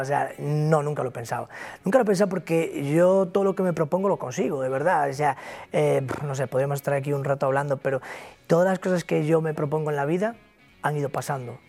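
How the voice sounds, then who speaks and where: His voice is gravelly and darkish, a little high, and he speaks fast over soft background music. The man is a Galician Spanish-accented broker company founder from Galicia, Spain, guesting in an interview. He speaks emphatically and repeats himself motivationally.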